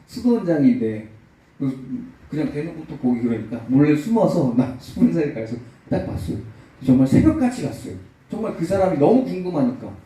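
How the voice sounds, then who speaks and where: A man's voice: fairly high pitch, sing-song, brisk, warm tone, heavy reverb, far from the mic, poor audio. A male pastor preaching a sermon, telling a story with acted-out quotes and building to emphatic peaks. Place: church sanctuary.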